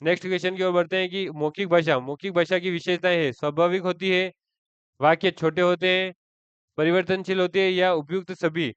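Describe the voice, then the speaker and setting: Man teaching in a steady monotone. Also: sits high, brisk, clean tone, dry recording, highs cut off. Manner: repeats key terms, asks and answers his own questions. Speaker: exam-prep teacher. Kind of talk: online lecture.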